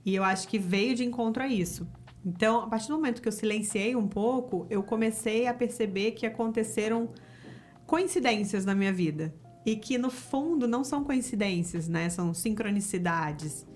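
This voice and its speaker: A woman's voice: a little high, normal speed, darkish tone. A woman from Rio de Janeiro with a Carioca accent, talking reflectively as a podcast guest in a casual interview. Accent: Carioca Portuguese. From Rio de Janeiro, Brazil. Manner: reflective, talks about spirituality with many fillers.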